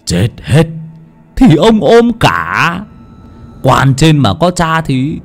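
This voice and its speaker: A man's voice: fairly high pitch, sing-song, very slow, faint music behind, pitched above the performer's own voice, exaggerated voice. A man voicing a cruel, greedy old village chief who sneers in mock-sweet tones and gloats over his killings. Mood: gloating.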